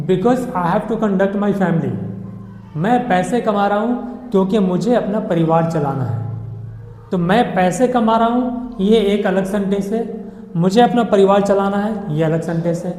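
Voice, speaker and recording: A man teaches a grammar lesson in a patient, step-by-step way, dropping English words into his talk and pausing to ask "okay?" His voice is soft and mellow. It rings with a long reverb, as if recorded in a bare, echoing room. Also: sits high. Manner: patient explaining, repeats "okay" often; mixes English words into Hindi.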